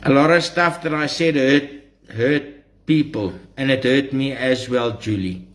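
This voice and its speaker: Slow-talking South African man addressing followers. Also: medium pitch, a bit bright. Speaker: social media streamer. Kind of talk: live monologue addressed to followers.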